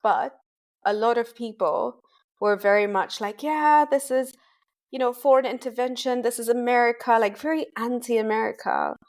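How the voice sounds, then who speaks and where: A woman's voice: fairly high pitch, normal speed. A young woman from Tanzania, a guest in an interview, speaking in a casual conversational way with lots of "like" and "kind of". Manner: conversational, frequent fillers like "like" and "kind of". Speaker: guest, women's rights advocate.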